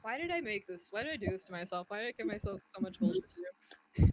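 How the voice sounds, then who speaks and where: A woman narrating as game master of a tabletop game, lively and playful, laughing now and then. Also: medium pitch, quick pace, rough recording.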